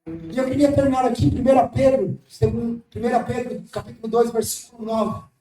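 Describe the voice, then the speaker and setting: A male pastor delivers an impassioned sermon, swinging from sudden shouts to hushed asides. His voice sits very high and carries a roomy echo. He stands back from the mic, with faint music playing behind him. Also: a little fast. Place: church hall. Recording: echoey church hall, mic at a distance, faint music.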